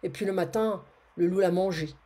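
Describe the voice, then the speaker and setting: Storybook role: a worried, kindly farmer, read by a woman, prone to alarmed pleading, mellow low-lit tone. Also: normal speed, natural voice. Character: anxious, kindly male farmer fretting over his goats.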